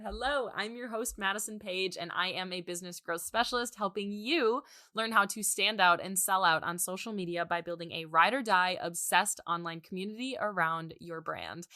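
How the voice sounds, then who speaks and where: A woman hosting a podcast in a chatty, bubbly, informal way, with a slightly raspy, nasal voice. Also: medium pitch, sharp tone. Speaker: podcast host and business coach. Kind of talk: chatty conversational podcast intro and interview. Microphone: close podcast microphone, dry sound.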